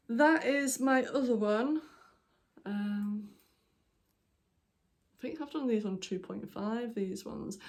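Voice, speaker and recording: A woman hosting a knitting podcast, chatting casually and meandering with lots of ums and apologies while she shows her projects. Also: mid-range voice. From United Kingdom. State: hiccuping. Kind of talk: casual show-and-tell vlog.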